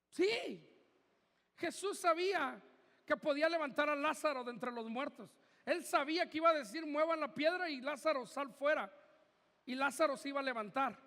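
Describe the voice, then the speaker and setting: A pastor with a Mexican Spanish accent preaches a sermon in a church hall, conversational and joking with the congregation. His voice is very high and fairly bright. The hall makes the recording reverberant.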